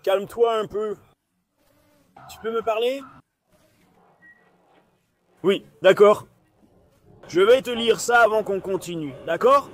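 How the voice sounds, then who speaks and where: A man voicing a police officer in dubbed bodycam dialogue, his voice on the high side. He reads out procedure in a steady, measured way. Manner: steady, procedural reading of rights.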